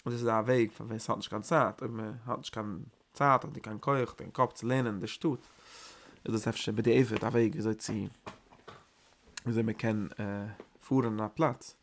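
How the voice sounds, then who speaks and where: A man's voice: lowish voice, steady tone, normal speed. A man giving a Torah lecture, talking in emphatic bursts and circling back over his phrases with small hesitations. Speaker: Torah teacher.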